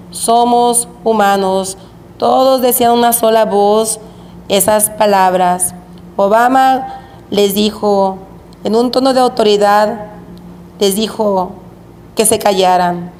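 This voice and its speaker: A woman preacher telling of a vision she had, in a slow, repetitive storytelling manner. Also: medium pitch, fairly even intonation, a little mellow. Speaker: preacher recounting a revelation. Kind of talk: religious testimony of a vision. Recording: echoey hall with faint background noise.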